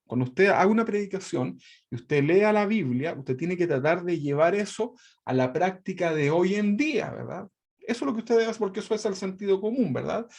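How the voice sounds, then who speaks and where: A man leads a church Bible lesson in a chatty, conversational manner. His voice sits a little higher than most men's, and he keeps tagging his phrases with little questions. He acts out quoted speech with dramatic emphasis and jokes lightly with his class. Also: lively intonation, brisk, gravelly, a little mellow. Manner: conversational, constantly adds tag questions.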